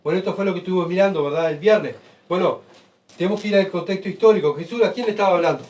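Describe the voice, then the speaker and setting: A man preaching a sermon, asking rhetorical questions and swinging between soft asides and loud emphatic bursts. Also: sits high, rapid-fire. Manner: rhetorical questions, keeps asking the congregation "¿verdad?". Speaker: pastor. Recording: voice picked up from far off.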